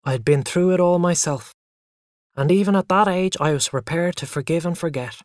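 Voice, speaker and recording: A narrator telling a first-person story for English learners in a lively way. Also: mid-range voice, normal speed, dry recording, clean studio sound.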